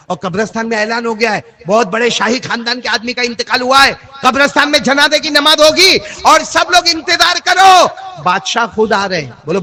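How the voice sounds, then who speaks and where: A man with a slight lilt preaching a storytelling sermon, quizzing listeners and swinging quiet talk to shouted lines. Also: on the high side. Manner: dramatic, swings from soft to shouting, quizzes the audience. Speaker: religious preacher. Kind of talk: Urdu sermon storytelling to a congregation.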